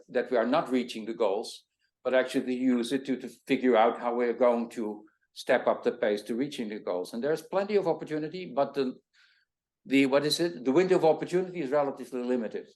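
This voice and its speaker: A man's voice: medium pitch, a little mellow. A man speaking on an academic panel, earnest, often repeating words as he searches for his point. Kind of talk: panel discussion remarks.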